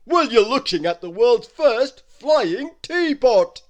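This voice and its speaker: A man voicing a huge, jolly male giant wizard who booms and laughs loudly. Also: big pitch swings, slow, full character voice. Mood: jovial. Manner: booming, shouting, laughing.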